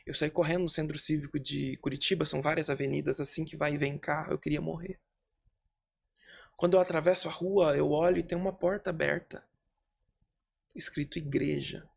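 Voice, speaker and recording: A man voicing a distraught woman as she recounts her grief, in a low, subdued retelling. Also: fairly even intonation, a little fast, creaky, husky. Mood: grieving.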